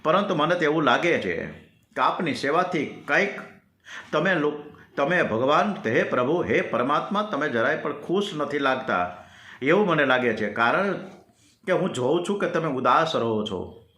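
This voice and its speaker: A man's voice: on the high side, lively intonation, normal speed, bright, forceful tone. A man voicing a devoted male companion who anxiously pleads with his lord, in an earnest, questioning way. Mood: pleading worried. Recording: roomy echo.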